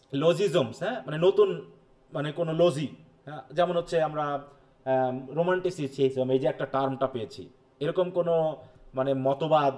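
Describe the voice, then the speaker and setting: A male teacher giving a classroom lecture, reading English passages slowly and stopping often to ask students if they follow. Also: a little high, a little mellow. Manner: explains slowly, reads English passages, checks understanding with questions.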